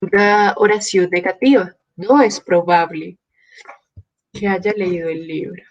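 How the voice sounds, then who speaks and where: Slow, patient woman teaching grammar. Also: fairly low pitch, muffled recording. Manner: patient, explains step by step with examples. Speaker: Spanish teacher. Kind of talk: online grammar lesson.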